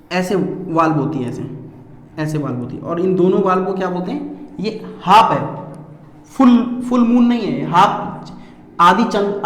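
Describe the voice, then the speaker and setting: A man teaching a lesson to students, asking rhetorical questions while he draws and repeating key words. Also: sits high. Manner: calls students "beta" and often says "theek hai". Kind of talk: classroom-style lesson. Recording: echoey room with faint ambience.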